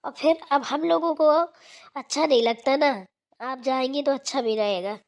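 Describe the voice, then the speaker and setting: A woman's voice: sits high, measured pace. A woman voicing a dutiful elder daughter-in-law from a village who earnestly explains her chores in a cartoon. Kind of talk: cartoon voice acting.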